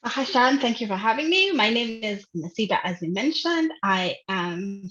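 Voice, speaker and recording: A woman's voice: on the high side, animated, normal speed, a bit bright. A young woman from Uganda, a filmmaker, talking casually in an interview over a video call, chatty with lots of fillers. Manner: chatty, many fillers, laughs often. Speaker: filmmaker guest. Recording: dull lo-fi video call audio.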